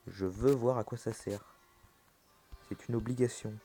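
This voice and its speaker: A man's voice: mid-range voice, steady tone, measured pace, dark tone, soft background music. A man giving casual horror game commentary, reacting aloud like a jumpy, scared streamer and talking to the game as he plays. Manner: talks to the game's objects and characters.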